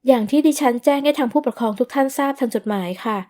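A polite schoolteacher in her late forties, read by a woman narrator, speaking in a formal, measured way. Her voice is a touch higher than average for a woman, in a storybook drama. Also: a little mellow, close to an everyday voice.

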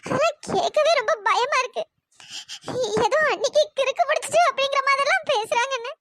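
A woman's voice: very high-pitched, a little fast, heavy background noise. A woman voicing a worried younger sister in a cartoon story, earnest and pleading.

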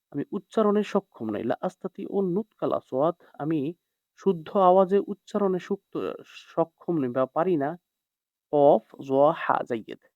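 A man's voice: on the high side, darkish tone, dry recording. A man teaching an Arabic text line by line, translating each word and checking in with his students. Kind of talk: classroom lesson explaining a text. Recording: dry, dull lo-fi sound.

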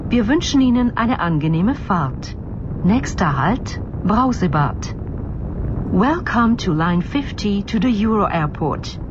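A woman gives formal stop announcements, heard through the loudspeaker of a moving city bus. She speaks very slowly and evenly, and the dull, muffled speaker sound carries a clear rumble of engine and road noise underneath. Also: expressive. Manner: slow, measured, formal. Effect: heard over a bus loudspeaker.

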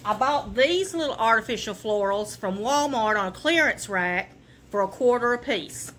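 A woman's voice: a little high, animated, normal speed, a bit bright, a little hiss or hum. A woman, chatting folksily from her living room as she shows off her thrift finds to the camera. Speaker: vlogger showing a thrift haul. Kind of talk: casual show and tell.

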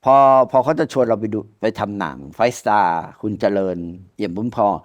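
A man's voice: fairly low pitch, normal speed, a little mellow. An older man, a veteran film director, telling blunt, coarse stories in casual chat and laughing through them.

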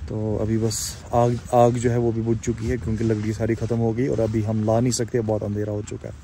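Speaking fairly quickly in a fairly low, dark voice with a completely flat delivery, this young adult man is a camping vlogger talking casually to the camera and his companions. He's at an outdoor campsite and inside a tent, captured on a noisy outdoor phone recording with clear ambient noise around him.

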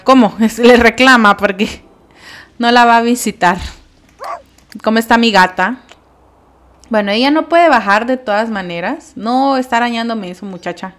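A woman talks her way through a gameplay session. She chats to her characters as she plays and breaks into high, panicked cries whenever something goes wrong. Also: a bit bright. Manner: chatty, easily alarmed, shrieks at scares. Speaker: gameplay commentator. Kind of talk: casual let's-play commentary.

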